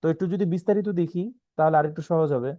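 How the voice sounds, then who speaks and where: A man with a Bangladeshi Bengali accent, teaching an online Quran reading class, spelling out letters slowly and often checking in with "right?". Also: on the high side, warm tone, dry recording. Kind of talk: online lesson.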